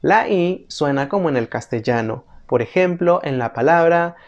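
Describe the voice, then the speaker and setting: A teacher narrating an instructional video, methodically explaining each letter and slowly repeating every example word. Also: medium pitch, expressive, lo-fi sound. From El Salvador. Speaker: language teacher.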